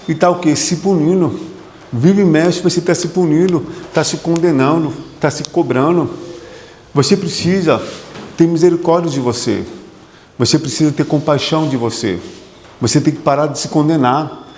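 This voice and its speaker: A psychotherapist lectures a hall audience with motivational emphasis, putting questions to listeners and repeating key phrases. His somewhat high, slightly mellow voice carries a bit of hiss or hum, and the room echoes with long reverb.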